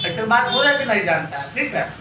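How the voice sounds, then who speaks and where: High-voiced Indian teacher in an echoey room. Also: male voice, big pitch swings, fast, recorded from a distance, noisy background. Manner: asks the class rhetorical questions and repeats answers. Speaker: English teacher. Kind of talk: classroom grammar lesson.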